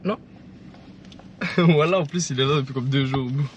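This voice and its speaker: A man's voice: medium pitch, normal speed, muffled recording, a little hiss or hum. A young man, chatting casually in slang as he drives in a car. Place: inside a moving car. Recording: loud music behind, in-car sound. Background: loud music.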